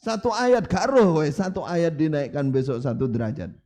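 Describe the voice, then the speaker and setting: A man voicing a gruff elderly male sheikh who scolds a young man. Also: on the high side, moderate pace, dark tone, natural voice. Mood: scolding. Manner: scolding, slightly mocking tone.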